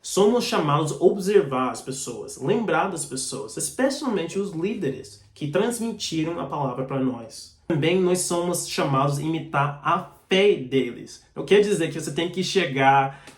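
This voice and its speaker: A preacher whose first language isn't Portuguese gives a sermon with a noticeable accent, his voice fairly high for a man. He teaches earnestly and directly with lively intonation, unhurried and rarely pausing, in an echoey room.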